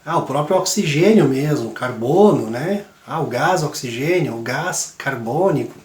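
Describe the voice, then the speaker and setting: Hoarse teacher, echoey room. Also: male voice, medium pitch, moderate pace. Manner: chatty, relaxed, many fillers. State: hoarse from a cold. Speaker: science teacher. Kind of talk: classroom lesson for kids.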